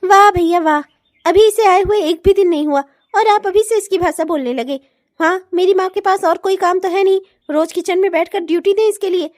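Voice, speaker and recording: A bratty cartoon sister-in-law, voiced by a woman who teases and taunts with sarcastic giggles. The voice is piercingly high, with a dry, close sound. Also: a little fast, dry recording. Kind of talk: comic cartoon voice acting.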